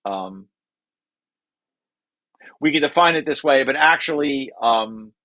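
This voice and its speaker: Reading through his own technical paper, a male researcher explains it informally, thinking aloud and correcting himself along the way. His mid-range voice is expressive, slow and sharp in tone, recorded roughly with no echo.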